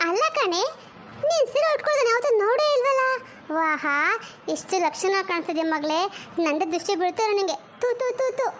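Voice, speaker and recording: A woman's voice: extremely high pitch, lively intonation, fairly quick, a bit bright, slight background noise. A woman playing a chatty middle-aged mother of the groom in a home-made family drama, fond and gushing.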